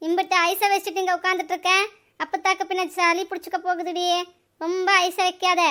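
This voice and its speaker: A woman doing a shrill scolding village grandmother. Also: level tone, fast talker, sharp tone. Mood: teasing. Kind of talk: cartoon voice acting.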